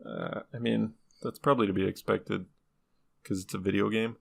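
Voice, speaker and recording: A man's voice: lowish voice, fairly even intonation, normal speed, vocal fry, slightly rough. A man presenting the topic on a casual podcast, laid-back, laughing often and swearing casually.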